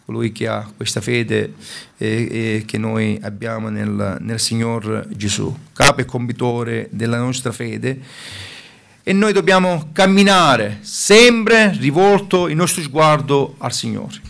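A man's voice: medium pitch, gravelly, a bit bright. A man preaching a sermon in a fervent way, stopping now and then to restart a word.

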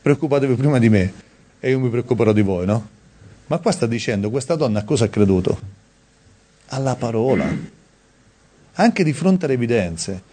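A man preaching a sermon in a conversational way, reading scripture aloud and stressing key words with sudden high emphasis. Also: animated, normal speed, pauses often, mellow, slight background noise.

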